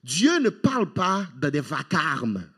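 A male pastor delivering a sermon with a husky, slightly raised voice. His pitch swings widely as he preaches, jumping to high exclamations and dropping low. He mixes English phrases into his preaching. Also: wildly swooping pitch, slow pace, fairly bright tone.

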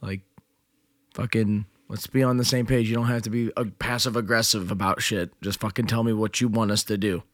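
A man's voice: fairly low pitch, steady tone, a little fast, no echo, clean studio sound. Blunt, profane young man chatting. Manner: blunt, profane, rambling with many likes. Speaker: podcast co-host; performing musician. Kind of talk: casual chat. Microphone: studio microphone.

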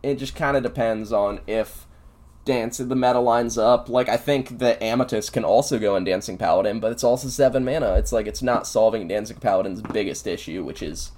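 Guy with a lowish voice rambling about a card game, lots of likes and ums. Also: brisk, a little mellow. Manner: loose and rambling, many fillers. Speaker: podcast co-host. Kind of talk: casual gaming chat.

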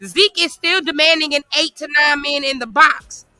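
Emphatic bright-voiced woman ranting. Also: sits high, normal speed, no echo, faint music behind. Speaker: co-host. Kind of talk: casual sports chat.

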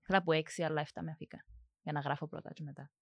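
Speaking with a Cypriot Greek accent, a young music production student answers interview questions in a casual way, full of fillers and hesitation, mixing in English words. Her voice is low and steady with vocal fry, and the lo-fi recording has no echo.

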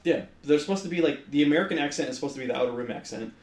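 A man's voice: a little high, rapid-fire, a little mellow, roomy sound. A man co-hosting a casual podcast chat, rambling and saying "like" constantly. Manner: rambling, heavy use of "like". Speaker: podcast co-host.

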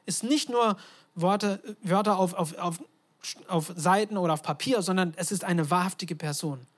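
A woman preaching a conversational sermon. She tells the story in a lively way and asks her listeners questions. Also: lowish voice, moderate pace. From abroad, moved to Germany.

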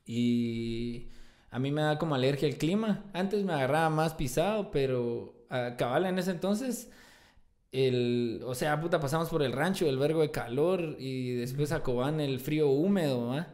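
A man's voice: a little high, normal speed, a little mellow. A young man with a Guatemalan accent, a band singer and guitarist, telling a story in casual slang, full of tag questions and swearing. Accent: Guatemalan Spanish. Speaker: band vocalist and guitarist, guest.

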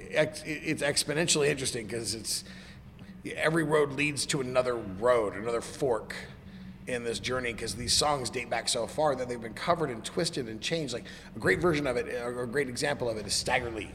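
A man with a slightly gravelly smoker's rasp chatting casually and informally about music. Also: medium pitch, normal speed, fairly bright tone. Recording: reverberant room with background noise.

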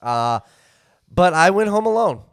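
Man, dad, podcast co-host, rambling, thoughtful, smooth clear voice. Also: sits high, very animated, unhurried, no echo, clean studio sound. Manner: rambling, thoughtful, laughs mid-sentence. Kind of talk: casual chat.

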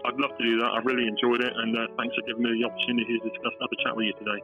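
A man's voice: mid-range voice, little pitch movement, racing, muffled recording, over music. A man with an English West Country accent giving conversational answers as an interview guest. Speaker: interview guest, financial adviser.

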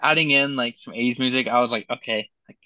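A man's voice: medium pitch, quick pace, highs cut off, a loud crowd. A man co-hosting a podcast, chatting casually in a laid-back way with plenty of fillers and slang. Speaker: podcast co-host. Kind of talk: casual chat.

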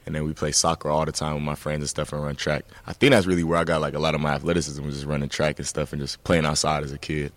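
A man's voice: rumbling low, fast, few pauses. A young man from Jamaica, a college basketball player, chatting casually as a radio guest and laughing easily. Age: young adult. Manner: relaxed, laughs easily, says "man" and "like" a lot. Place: student radio studio.

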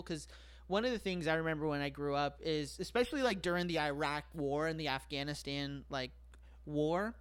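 A man's voice: fairly high pitch, clear, resonant tone. A man talking as a podcast guest in casual chat. He speaks frankly and profanely, with lots of fillers and self-deprecating humor.

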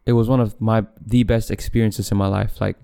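Relaxed low-voiced man chatting casually. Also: brisk, creaky, clear, resonant tone. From Malaysia. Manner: rambling, self-correcting, laughs often. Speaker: podcast host. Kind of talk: casual solo podcast chat. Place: home room, camera set back.

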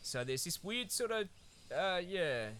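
A man's voice: sits high, big pitch swings, measured pace, fairly bright tone, a little hiss or hum. A man co-hosting a podcast, recapping a film in a rambling, sweary, laid-back way. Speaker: podcast co-host. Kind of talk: casual film-review chat.

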